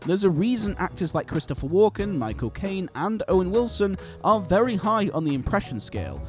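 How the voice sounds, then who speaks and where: A man's voice: sits high, sing-song, brisk, a little mellow, faint music behind. A man reading a scripted video essay as its narrator.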